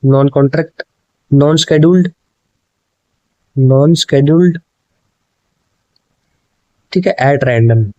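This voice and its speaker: Hindi-exam teacher, man, mellow voice. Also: medium pitch, slow, long pauses, dry recording, lo-fi sound. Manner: mixes Hindi and English, repeats answers, keeps asking "ठीक है?". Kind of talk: explaining exam questions.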